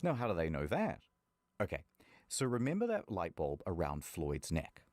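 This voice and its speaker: A man's voice: deep voice, huge pitch swings, moderate pace, a little mellow, dry recording, soft background music. A man narrating a scripted documentary story in a wry storytelling manner.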